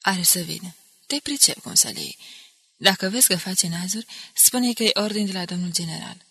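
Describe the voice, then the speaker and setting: A woman's voice: on the low side, sing-song, sharp tone, breathy edge, full character voice. A woman voicing a resolute young male soldier who takes command and gives firm orders.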